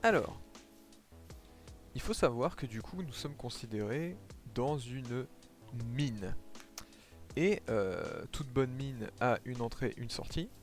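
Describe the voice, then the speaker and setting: A man's voice: mid-range voice, animated, takes it slowly, vocal fry, a little mellow. A man streaming a game live, talking casually to his viewers and explaining as he plays, with lots of fillers. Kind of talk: casual gameplay commentary. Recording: faint music behind.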